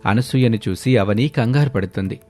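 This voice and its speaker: A man narrating a scripted animated moral story in a steady, dramatic way. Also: on the low side, normal speed, soft background music.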